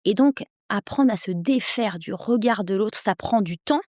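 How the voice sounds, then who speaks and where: A woman in her thirties, an English coach, speaking persuasively as a podcast guest, with energetic quick bursts. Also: medium pitch, no room sound, studio quality. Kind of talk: podcast interview.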